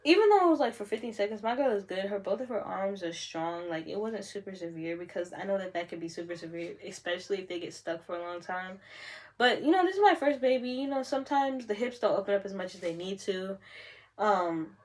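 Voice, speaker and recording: A young adult woman vlogger telling a personal story on camera in a casual, chatty, animated way, with frequent "like" fillers. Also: medium pitch, fairly quick.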